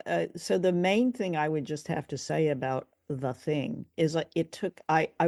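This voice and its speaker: A woman co-hosting a podcast, leading the chat with lively, curious questions about an old radio play. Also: sits low, gravelly, no echo, studio quality. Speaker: podcast co-host. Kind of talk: casual review discussion.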